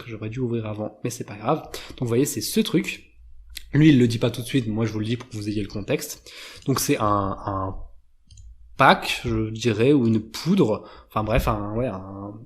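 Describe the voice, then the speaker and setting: A man explaining advertising and copywriting in a casual, informal way, with frequent fillers and self-corrections. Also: medium pitch. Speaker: YouTube marketing educator.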